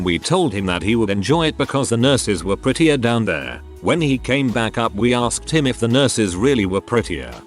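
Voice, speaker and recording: A man reading out humorous short anecdotes as scripted narration. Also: mid-range voice.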